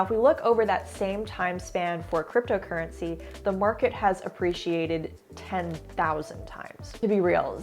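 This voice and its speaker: A young woman with a congested, stuffy voice chats upbeat and casually to camera. Her voice sits a little low, with light music playing softly underneath. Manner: chatty, upbeat, fillers like "like". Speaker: crypto video host. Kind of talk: casual talking-head explainer. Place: home room under construction.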